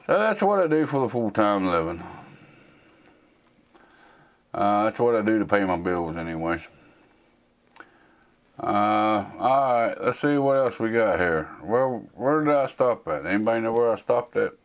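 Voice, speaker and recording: A man's voice: on the low side, very animated, moderate pace, dull audio. A man, hosting a casual Q&A and rambling in a folksy, plain-spoken way with plenty of fillers. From United States. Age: 40s. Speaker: host answering viewer questions. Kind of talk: casual Q&A chat.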